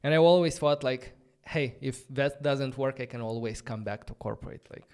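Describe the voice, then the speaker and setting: His mid-range voice is clear and resonant with a darkish tone, moving at a moderate pace. He's a Romanian man, a non-native English speaker, hosting a laid-back live-coding stream and thinking aloud in a loose, filler-filled chat, with faint music behind him.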